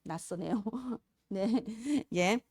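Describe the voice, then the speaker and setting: A woman's voice: medium pitch, very slow, a little mellow, no room sound, clean studio sound. A woman preacher giving a Sunday sermon in a conversational, storytelling manner. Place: church service. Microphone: filmed on camera.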